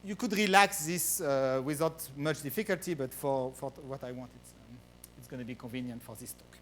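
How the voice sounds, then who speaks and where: A man's voice: medium pitch, moderate pace, a bit bright, slight background noise. A man with a French accent giving a research math lecture, hesitant, with many fillers and restarts. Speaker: guest lecturer.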